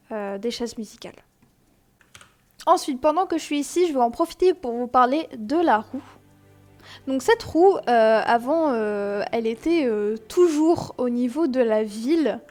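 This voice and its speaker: A woman's voice: on the high side, darkish tone. A young woman hosting a casual game tutorial, chatty and explanatory, with many fillers and self-mocking asides, speaking into a desk microphone. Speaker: gaming tutorial host.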